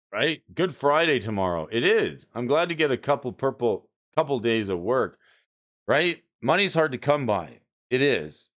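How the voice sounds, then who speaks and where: A man hosting a casual livestream, chatty and animated, telling stories and greeting viewers. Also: mid-range voice. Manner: chatty and animated, lots of restarts and "like". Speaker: livestream host.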